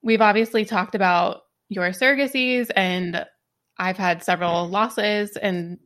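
A woman co-hosting a casual podcast, relaxed and laughing through her stories. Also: mid-range voice, measured pace. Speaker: podcast co-host.

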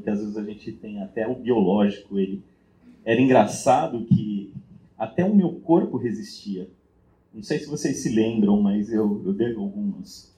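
A man's voice: mid-range voice, dark tone. A man sharing a personal story in a group meeting, reflective and casual, with frequent filler tags and restarts. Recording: roomy echo.

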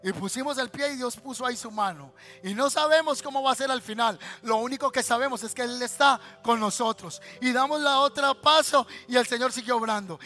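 Colombian man, pastor's sermon, very high voice, bright, colloquial storytelling, faint music behind. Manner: storytelling, lively and colloquial, addressing listeners directly.

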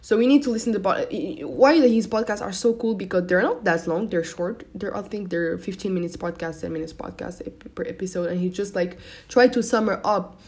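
A woman's voice: medium pitch, fairly quick, few pauses, darkish tone. Hesitant young woman. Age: young adult. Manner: hesitant, many fillers and restarts. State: slightly shaky voice. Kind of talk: casual personal vlog.

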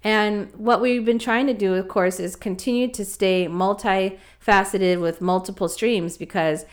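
A woman's voice: medium pitch, steady tone, a little slow. A young adult woman co-hosting a podcast, giving advice in an emphatic, conversational way. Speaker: podcast co-host. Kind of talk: casual advice chat.

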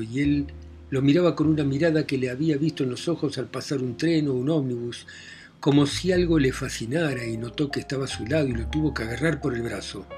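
A man narrating a novel in a measured reading voice, letting his voice drop softly at the ends of phrases. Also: medium pitch.

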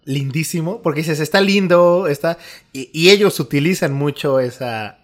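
Joking Mexican man with a higher voice. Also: moderate pace. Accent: Mexican Spanish. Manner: relaxed, joking, slangy. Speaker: podcast co-host. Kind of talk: casual podcast chat.

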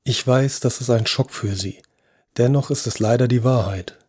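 A calm, patient neurosurgeon, voiced by the male narrator, reassuring and soft-spoken. His dark, husky tone sits close and dry, with no room around it. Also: medium pitch, moderate pace, no room sound, natural voice. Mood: soothing. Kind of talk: audio drama acting.

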